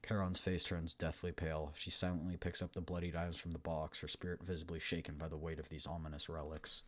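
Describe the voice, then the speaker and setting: Low-voiced man reading game text aloud. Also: level tone, quick pace. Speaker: game streamer. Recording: background noise.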